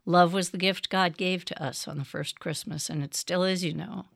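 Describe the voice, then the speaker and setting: A woman reading the part of a kindly old Santa Claus, telling a story to forest animals with warm patience. The voice sits low and the room is dry. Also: steady tone, normal speed, gravelly, dry recording.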